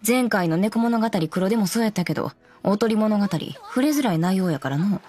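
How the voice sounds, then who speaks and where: An actress voicing a blunt adult woman with a Kansai accent who snaps sharp retorts in an in-character anime commentary. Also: mid-range voice, lively intonation, a little fast, close to an everyday voice. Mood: scolding. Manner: sharp retorts, straight-man scolding. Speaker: commentary co-host.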